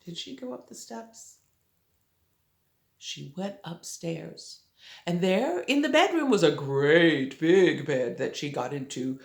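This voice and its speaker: An older woman with a sweet old lady manner tells a children's story as a grandmother, gently coaxing the listener with little questions. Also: sits low, lively intonation, slow, gravelly. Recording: roomy, echoey home recording.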